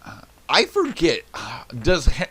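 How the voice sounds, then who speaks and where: A man's voice: on the high side, wildly swooping pitch, a little slow, a bit bright, husky. A young man co-hosting a casual movie commentary, laid-back and skeptical, swearing casually.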